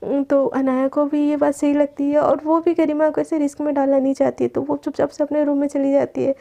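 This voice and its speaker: A woman's voice: high-pitched, level tone, fairly quick, gravelly, mellow. A woman narrating a romance story episode in a chatty way, speaking to her listeners as friends.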